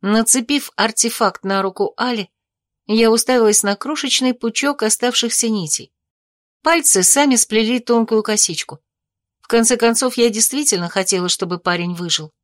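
A woman narrating a first-person audiobook in a steady, even reading voice. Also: fairly high pitch, moderate pace, dry recording, studio quality.

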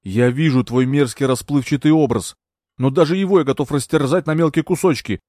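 A man's voice: a little high, expressive, fast talker, no room sound, studio quality, voice pushed up, close to an everyday voice. A man voicing a delirious ship captain who rants, accuses and barks orders in an audiobook. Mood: raging. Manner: ranting, loud, accusing.

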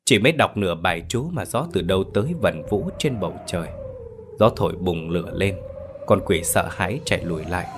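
A man narrating a horror story in a steady, dramatic way. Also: low-pitched, brisk, background noise.

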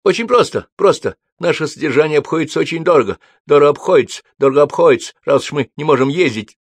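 A fretful horse-like male racer who echoes his own phrases over and over, as a man puts him on. His voice sits well above his usual speaking pitch and pushes out loud and emphatic. The sound is dry and close. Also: expressive, fast, husky. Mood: earnest. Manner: repeats his own words.

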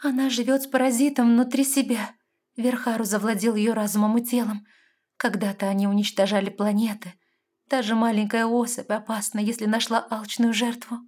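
A woman voicing a fragile young princess who pleads with her mother in high, tearful cries. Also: little pitch movement, a little fast, a little mellow, close to an everyday voice. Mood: earnest. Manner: high, pleading, sobbing outbursts.

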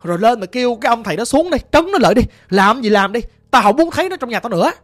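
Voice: mid-range voice, expressive, quick pace, lightly acted. A storyteller voicing a cruel but frightened rich old mother, who talks bluntly and coarsely in a Southern Vietnamese accent, over faint music. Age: older.

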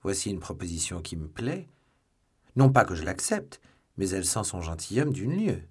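Brief: man reading noble wounded musketeer, low and subdued, husky, unhurried. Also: big pitch swings, a little mellow, full character voice. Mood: courtly. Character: dignified wounded older male musketeer.

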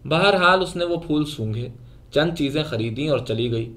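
A man narrating a literary short story aloud in a measured, even storytelling manner. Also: a little high.

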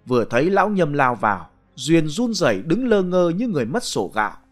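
A man narrating a ghost story aloud in a dramatic, expressive way. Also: fairly high pitch, brisk, faint music behind.

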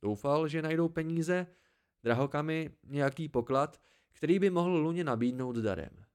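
A man reading a fantasy story aloud as an amateur audiobook narrator, in a steady, even way. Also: a little high, smooth.

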